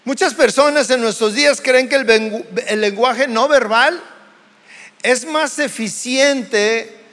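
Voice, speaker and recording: Mexican pastor preaching in a hall. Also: male voice, very high voice, fairly bright tone. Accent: Mexican Spanish. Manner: slow, deliberate preaching with demonstrative tone shifts. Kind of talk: sermon. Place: church hall. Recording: long reverb of a church hall.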